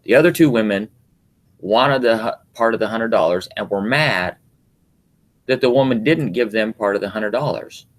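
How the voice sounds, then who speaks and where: Low-voiced man, rambling and halting. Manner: rambling, halting, many fillers. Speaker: podcast co-host, husband. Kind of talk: casual chat about scripture and work.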